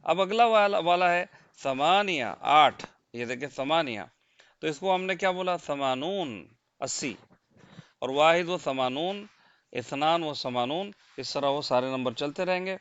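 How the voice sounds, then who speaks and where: Man, Pakistani Urdu accent, patient teacher, smooth voice, raised pitch, dull dry recording. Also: fairly bright tone, dry recording. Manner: patient, repetitive counting with rhetorical checks. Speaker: language teacher. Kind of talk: slide-based language lesson. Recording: dull, lo-fi dry close mic.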